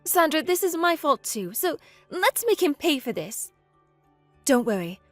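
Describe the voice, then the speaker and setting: A woman plays a guilty best friend who speaks in a lower, softer and hesitant way. The sound is dry and close, with faint music behind it in this text-message story. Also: big pitch swings, measured pace, no echo. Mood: apologetic. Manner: apologetic, hesitant.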